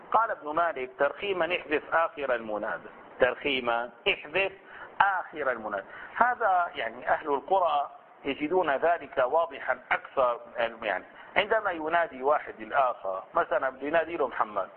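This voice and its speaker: A male scholar teaching a recorded lesson on grammar and inheritance law. He asks himself questions, answers them, drifts into colloquial asides and draws out example words slowly. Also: fairly high pitch. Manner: explains patiently, asks and answers his own questions; slips into colloquial Levantine Arabic asides. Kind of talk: recorded study-circle lesson. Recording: tinny phone-like band with faint hiss.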